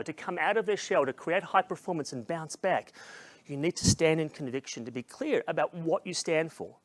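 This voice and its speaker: A middle-aged man giving a motivational keynote talk, telling a story with passion and dropping to a hushed voice in its emotional moments. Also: on the high side, dry recording. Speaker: keynote speaker.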